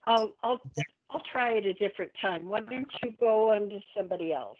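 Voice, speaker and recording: A woman's voice: medium pitch, fairly quick. Woman on a choppy, cutting-out call line. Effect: choppy audio cutting in and out over a failing connection. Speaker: caller asking a question. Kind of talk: online meeting Q&A. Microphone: video call. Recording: tinny phone-like line with faint noise.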